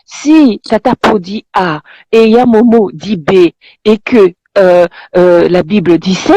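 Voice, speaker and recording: A woman's voice: mid-range voice, slow, warm tone, dry recording. A woman from Congo, calling in by phone and rambling in a preachy way while laughing often. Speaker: caller. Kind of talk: phone-in commentary. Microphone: phone call.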